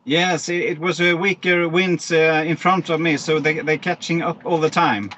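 A man from Sweden, answering an interview hesitantly with many pauses and fillers, speaking from his car. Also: on the high side, fairly even intonation, fairly bright tone, lo-fi sound, a little hiss or hum. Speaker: interviewee, online race winner. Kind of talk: casual interview.

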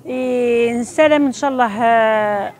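A woman in her fifties from Tizi Ouzou introduces herself as a craft exhibitor, pausing often with fillers, at an outdoor fair stand. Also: on the high side, a little mellow. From Tizi Ouzou, Algeria. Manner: hesitant, many fillers.

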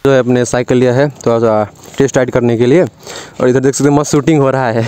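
A man's voice: mid-range voice, fairly even intonation, fast, darkish tone, smooth. A young man riding a bicycle on a rural road, chatting casually to his viewers on an action camera. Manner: chatty, keeps addressing viewers as guys. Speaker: cycling vlogger. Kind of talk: casual vlog commentary while riding. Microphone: helmet or handlebar action camera.

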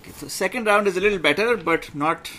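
A middle-aged man with a Pakistani accent giving an informal online lecture as a coach, in a blunt, halting way that repeats phrases for emphasis. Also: high voice. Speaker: business lecturer and pitching coach. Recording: clearly noisy room recording.

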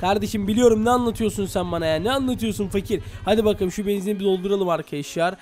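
Fast-talking high-voiced man. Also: a little mellow. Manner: chatty, keeps addressing viewers. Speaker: YouTuber. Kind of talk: Minecraft role-play.

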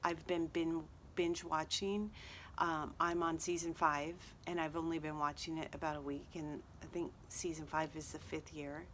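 A woman with a fairly low voice chats casually to her viewers, wandering from topic to topic with fillers and little self-deprecating jokes. She is recorded outdoors, with a faint hum of ambient noise behind her. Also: little pitch movement, normal speed. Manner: chatty, rambling with fillers and self-deprecating asides. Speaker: craft vlogger. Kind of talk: casual chat to camera. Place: outdoors at a table.

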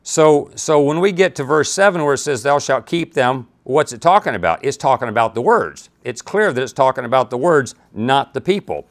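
A man's voice: mid-range voice, lively intonation, moderate pace, few pauses. A man teaching a Bible study, reading scripture aloud and talking it through in a conversational way with frequent restarts and asides.

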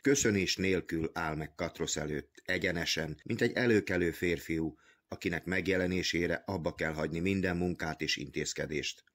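A man reading a literary novel aloud as an audiobook, with measured, even storytelling. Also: low voice. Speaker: audiobook reader.

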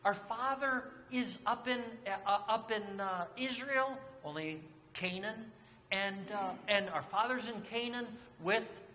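Flustered, pleading brothers as a preacher puts them on, high and stumbling over the words, in a reverberant church. Everyday voice, only lightly acted. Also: male voice, slow pace, bright, forceful tone, a little hiss or hum, exaggerated voice. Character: frightened band of adult brothers pleading.

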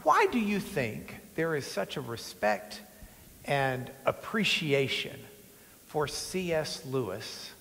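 A man's voice: mid-range voice, sing-song, slow pace, vocal fry, fairly bright tone, a little hiss or hum. A man moderating a panel discussion, putting friendly questions to the panelists. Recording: long hall reverb.

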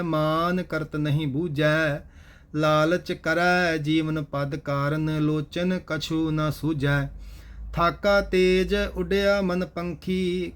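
A man with a Punjabi accent reciting scripture in a slow chant, pausing to explain how each word should be pronounced. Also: a little high, clear, resonant tone. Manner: measured, instructive, repeats each correct pronunciation. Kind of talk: slow chanted scripture reading with spoken pronunciation notes.

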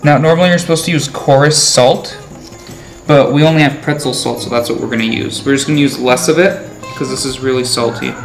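A young man casually talking through a cooking demo in a home kitchen, relaxed and laughing often. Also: mid-range voice, brisk, gravelly. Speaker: home cook host. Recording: roomy kitchen with background music.

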